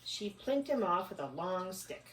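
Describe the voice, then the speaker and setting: Reading a storybook to a child at home, this woman uses a medium-pitched, sing-song voice at a measured pace, expressive in the reading and casual in the chat between passages. The recording has echo, background noise, and a far-off microphone.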